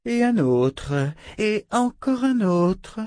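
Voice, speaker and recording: A man putting on a higher voice for a cruel, mocking woman torturer in an audiobook. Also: expressive, moderate pace, darkish tone, no room sound, clean studio sound, lightly acted. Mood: taunting.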